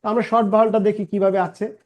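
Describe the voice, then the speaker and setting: A man's voice: high voice, flat delivery, fast talker, darkish tone. A man teaching English pronunciation. He drills each sound over and over and keeps checking with "right?". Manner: drills sounds by repeating them, asks "right?" often. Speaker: English teacher and channel founder. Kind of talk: pronunciation lesson.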